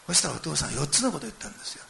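A man's voice: fairly high pitch, very fast, creaky, slight background noise. A middle-aged man preaching a sermon, telling a story with animation and speaking straight to his listeners. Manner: animated storytelling, acting out quoted lines and addressing listeners directly. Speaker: pastor.

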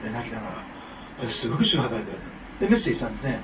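Rapid-fire and full of big pitch swings, a medium-pitched male pastor preaches casually to his flock, often using fillers and asides. Background noise, a far-off microphone, and the echo of the church hall color the recording.

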